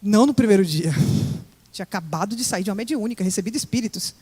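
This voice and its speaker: A woman's voice: medium pitch, lively intonation, quick pace, mellow, breathy edge. A woman gives a personal testimony to a church congregation, telling her story with emotion. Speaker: church member giving testimony. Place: church hall. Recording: echoey church hall with long reverb.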